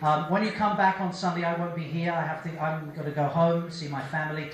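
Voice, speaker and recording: A man's voice: fairly high pitch, fairly even intonation, brisk. A man speaking informally as an upbeat cruise director to a gathering, recorded from far off in a big echoey hall. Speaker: cruise director addressing ship's crew. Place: large dark hall aboard a cruise ship. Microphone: amplified speech captured by a distant camera. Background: crowd noise.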